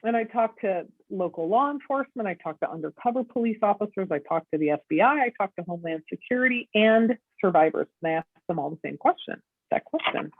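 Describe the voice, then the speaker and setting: A woman's voice: mid-range voice, animated, quick pace, husky, no echo. A middle-aged woman, a podcast guest, telling her story and acting out the dialogue as she goes. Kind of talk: storytelling interview. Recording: tinny dry phone-line audio.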